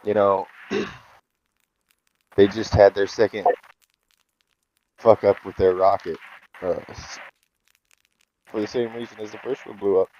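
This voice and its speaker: A man's voice: fairly low pitch, darkish tone. A man chatting casually on a remote call; his mic sounds scratchy and muffled like an old phonograph, and he rambles and restarts his sentences. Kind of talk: casual chat. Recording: dull scratchy lo-fi mic with faint hiss.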